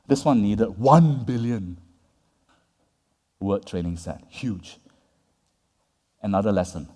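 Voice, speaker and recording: A man speaks slowly in a lowish, dark voice with lively intonation as he delivers a conference lecture. His style is conversational, with "right?" and "yeah?" after his points, and the hall's long reverb surrounds him.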